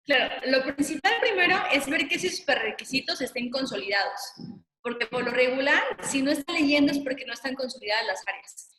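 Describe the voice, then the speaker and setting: A woman speech therapist, patiently explaining in a webinar and sounding out syllables slowly. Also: high voice, animated, bright, forceful tone. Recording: echoey room, long reverb.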